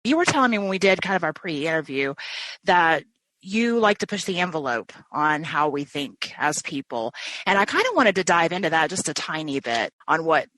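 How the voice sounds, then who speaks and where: A woman's voice: deep voice, sing-song, normal speed, a bit bright, slight background noise, low-quality recording. A woman hosting an interview, friendly and chatty, often laughing as she talks. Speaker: podcast host. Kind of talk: conversational interview.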